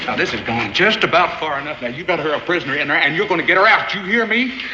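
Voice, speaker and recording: An actor playing a plainspoken American frontier man, forceful and colloquial, in a 1960s TV western drama. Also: fairly high pitch, lively intonation, fast, very noisy, close to an everyday voice. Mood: angry. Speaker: frontiersman, former plantation worker. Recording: echoey, dull TV soundtrack with music.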